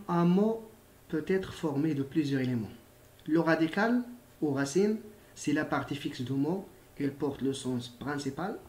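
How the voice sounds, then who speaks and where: A man teaching a recorded grammar lesson to young pupils, in a fairly high voice. He is patient, repeats himself, spells out letters one by one and fills pauses with hesitations. The sound is echoey, as if from a bare room. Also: darkish tone. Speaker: primary school French teacher.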